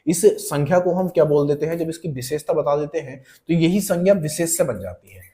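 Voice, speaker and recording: A man teaching an online exam-prep grammar lesson, talking to students like friends, checking that they follow and slowly repeating key words and example sentences. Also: on the high side, animated, warm tone. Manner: conversational and coaxing, checks in with students often.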